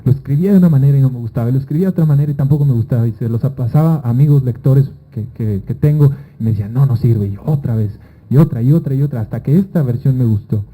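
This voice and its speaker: Dark-voiced man telling a story. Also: medium pitch, rapid-fire, rough recording. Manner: storytelling, animated retelling of a dream. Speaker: author presenting his book. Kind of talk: book presentation talk with reading. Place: festival event before a live audience.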